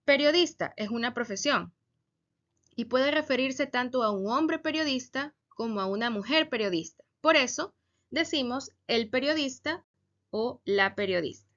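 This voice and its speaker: Woman teacher giving a slow, careful grammar lesson; bright, slightly high voice on a dull, lo-fi recording. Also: lively intonation. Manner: slow, deliberate, stresses example words. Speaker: Spanish teacher.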